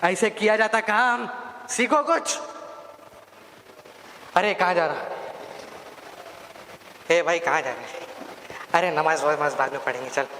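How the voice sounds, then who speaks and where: A high, bright, taunting devil schools his minions with cackles and shouts, as a young man performs him in a stage monologue. The voice rings through a big hall with a long reverb tail. A faint hiss sits under it. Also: slow, long pauses. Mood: scheming. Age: young adult. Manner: taunting, bossy, bursts into cackling laughs and shouts.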